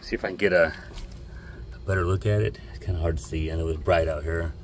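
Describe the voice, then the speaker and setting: A middle-aged man, the boat's captain, explaining a repair in a relaxed, plain-spoken way, recorded outdoors on a docked boat. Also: deep voice, fast, slight background noise. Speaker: boat captain, vlog co-host. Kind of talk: casual how-to vlog.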